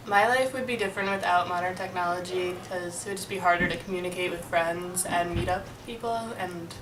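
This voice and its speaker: A woman's voice: fairly low pitch, fairly even intonation, a little fast. A nineteen-year-old woman, a college student, answering interview questions casually with lots of "like". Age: late teens. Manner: casual, uses like. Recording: echoey room, distant mic, clear background noise.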